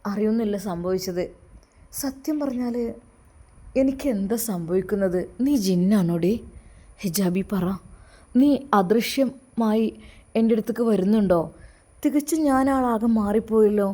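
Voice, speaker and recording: A woman voicing a young man, a former thug who now speaks in an earnest, halting, questioning way. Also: a little high, dark tone.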